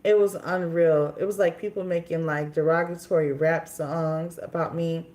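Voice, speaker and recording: A woman's voice: deep voice, fairly even intonation, moderate pace, darkish tone. A woman in her twenties from Minnesota, chatting casually on a livestream in a candid, rambling way with many fillers and restarts. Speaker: livestream host.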